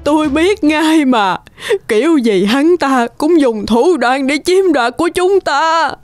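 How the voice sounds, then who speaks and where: A woman voicing a kind old farmer's wife in a cartoon, fussing warmly. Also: high-pitched, expressive, takes it slowly, dry recording. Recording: cartoon with music behind.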